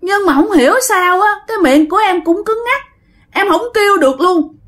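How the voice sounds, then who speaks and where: Woman playing a terrified little southern vietnamese boy, very high squeaky voice, crying out his words. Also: expressive, normal speed, a bit bright. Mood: scared, tearful. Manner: breathless, tearful pleading. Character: frightened young boy, crying and stiff with fear.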